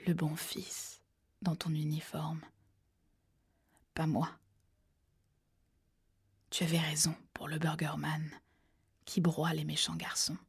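A woman's voice: sits low, monotone, slow pace, gravelly, long pauses, breathy edge, exaggerated voice. A woman voicing a dying wounded man who speaks in faint, broken whispered fragments, read as an audiobook. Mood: faint, fading. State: weak, fading. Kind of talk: audiobook reading.

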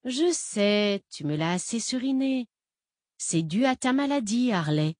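A woman reading an audiobook voices an impostor father who talks to a boy in a calm, condescending, soothing way. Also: a little high, a little slow, dry recording, clean studio sound, voice pushed up. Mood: patronizing. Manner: soft, patronizing, soothing.

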